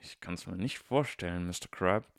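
A man's voice: sits low, normal speed, a bit bright. A man voicing a hulking boy henchman who mutters in an oddly formal way. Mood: muttering.

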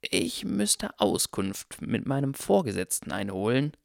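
A man voicing a sly male goblin banker in an audiobook, speaking slowly in a drawn-out, sneering way. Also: medium pitch, very animated, vocal fry, dry recording, clean studio sound, pitched above the performer's own voice, full character voice. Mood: guarded. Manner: slow, drawn-out, sneering delivery. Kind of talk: audiobook character voice.

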